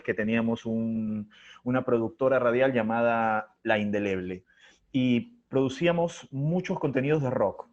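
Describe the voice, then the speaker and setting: A middle-aged theatre artist from Chiclayo, Peru, speaks with a Peruvian Spanish accent in a mid-range, slightly mellow voice. As an interview guest he answers conversationally, reflecting and sharing anecdotes. The audio is dull and lo-fi.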